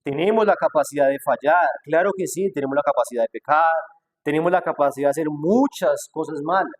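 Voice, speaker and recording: Male pastor, slightly raised pitch, mid-sermon, rhetorical and lively in delivery. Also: a little fast. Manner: acts out quoted objections in a changed voice; asks rhetorical questions.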